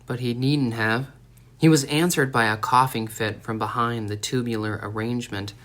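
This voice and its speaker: A man's voice: medium pitch, steady tone, moderate pace, fairly bright tone. Man narrating a dramatic audiobook. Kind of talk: scripted narration.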